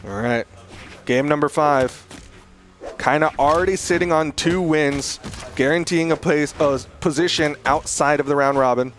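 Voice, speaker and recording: A man's voice: on the high side, moderate pace, a bit bright, a little hiss or hum. A man working as an esports caster, giving play-by-play commentary on a fighting game in short bursts.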